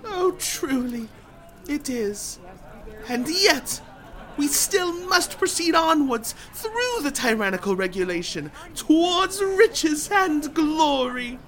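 An actor playing a grandiose travelling bard in a fantasy audio drama, with florid old-fashioned speech and dramatic pauses. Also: high-pitched, sing-song, a bit bright, exaggerated voice. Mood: lamenting, grandiose. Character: flamboyant, grandiose travelling bard, theatrical storyteller.

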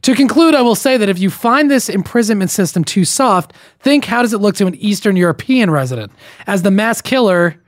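Reading listener emails on a laid-back podcast he co-hosts, this young man keeps interrupting himself with commentary and frequent restarts. He has a high, expressive voice and talks fairly quickly. The studio recording is clean, with no room sound.

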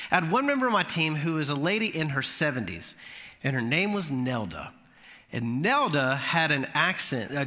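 Bright-voiced male pastor telling a story. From Florida. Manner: animated storytelling, voice climbing high at punchlines. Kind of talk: sermon storytelling. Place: church sanctuary. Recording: long hall reverb.

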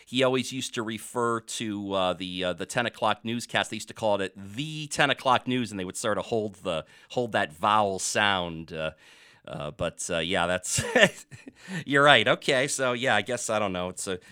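A man's voice: fairly low pitch, moderate pace, pushed and bright, clear, resonant tone, no echo, clean studio sound. A middle-aged man from New England hosting a sports talk podcast, chatting casually with lots of fillers. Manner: chatty, hesitant with many fillers.

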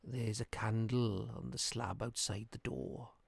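A man voicing a grim old man with a withered hand, speaking slowly and in a hushed, ominous way. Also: on the low side, fairly even intonation, creaky, breathy edge, no room sound, heavily acted. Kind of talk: audiobook character voice.

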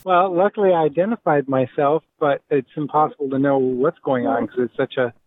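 A middle-aged man with a Rhode Island accent, reminiscing in a relaxed, rambling way as an interview guest. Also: on the high side, a little fast, no echo. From Providence, Rhode Island. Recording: tinny phone line with faint hiss.

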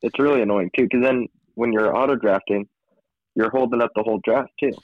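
A man's voice: medium pitch, a little fast, no room sound. A man co-hosting a casual sports chat, heard over a crackly phone line and often restarting his phrases. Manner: restarts phrases, repeating words. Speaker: podcast co-host. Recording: tinny, crackly phone call.

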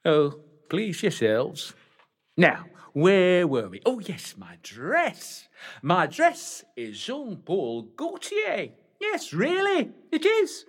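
A man's voice: sits high, wildly swooping pitch, slow pace, husky, exaggerated voice. An actor playing a muddled old male pantomime dame who slips into panto crowd callback and stage patter in a radio drama. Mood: gleeful, camp. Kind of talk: theatrical drama acting.

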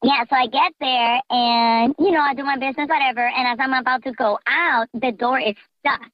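A woman's voice: high voice, fairly even intonation, fairly quick, no echo. A woman caller on a radio show, talking through a voice changer and chattily telling a story over the phone. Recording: dull lo-fi phone line.

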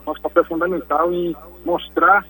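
A man calling in to a radio show to explain technology topics, heard over a phone line, speaking in a measured, explanatory way with frequent restarts. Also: fairly high pitch, level tone, sharp tone, faint music behind.

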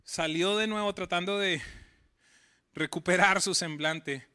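Bright, high-voiced man preaching a sermon. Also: smooth. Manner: preaching with rising, pleading questions; tells stories in a quick conversational voice. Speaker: pastor.

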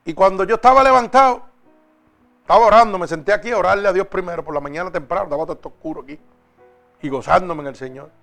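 Fervent high-voiced preacher. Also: male voice, quick pace, vocal fry, faint music behind. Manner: fervent, swings between loud exhortation and hushed storytelling. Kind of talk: sermon and personal testimony.

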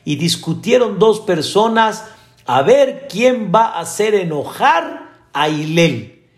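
A man's voice: high voice, big pitch swings, takes it slowly. A man preaching a sermon as a rabbi, telling stories with animation and asking his listeners rhetorical questions. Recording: echoey room.

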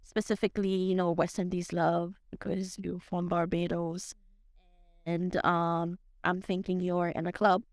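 A woman's voice: fairly low pitch, little pitch movement, unhurried, no room sound, studio quality. A woman hosting an interview in a casual, enthusiastic, chatty style. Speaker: interviewer, host.

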